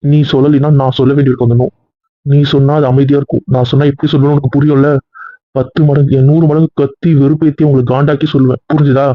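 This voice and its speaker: Give me a man playing an anxious husband who pleads and pushes, talking fast, in a dry, phone-like recording. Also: mid-range voice, little pitch movement, no room sound, lightly acted. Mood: firm. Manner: pleading, then heated and insistent. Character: worried, possessive young husband. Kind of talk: amateur serial drama acting.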